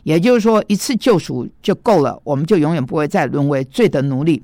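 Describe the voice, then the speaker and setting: A man delivers a teaching sermon in a slightly high, gravelly voice. He unpacks word roots and drives points home with emphatic asides to his listeners. The sound is dry and close. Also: animated, brisk, mellow, dry recording. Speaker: preacher.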